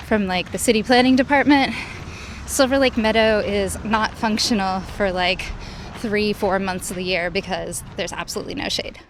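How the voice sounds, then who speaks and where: A woman vlogger talking casually to camera as she narrates a recap of her run. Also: mid-range voice. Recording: noisy outdoors with traffic and ambience.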